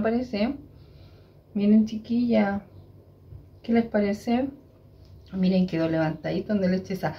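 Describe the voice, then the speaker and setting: A woman's voice: on the high side, muffled recording. A Chilean woman chatting casually to her viewers in a home cooking vlog from her kitchen. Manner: chatty, addresses viewers directly and often. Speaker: vlogger.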